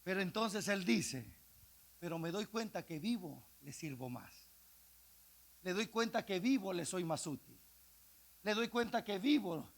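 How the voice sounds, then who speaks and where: Gravelly, high-pitched shouting preacher man. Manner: swings from hushed speech to impassioned shouting. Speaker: evangelist preacher. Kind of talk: Pentecostal-style sermon.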